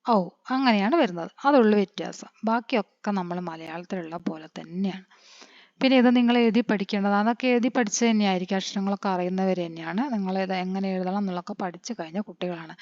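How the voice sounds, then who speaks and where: A woman, teaching a patient lesson and spelling letters out slowly, quizzing her pupils as she goes. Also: mid-range voice, darkish tone, no echo. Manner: patient, asks the children questions and answers them. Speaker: Hindi teacher. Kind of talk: classroom-style lesson. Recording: dry, dull lo-fi recording.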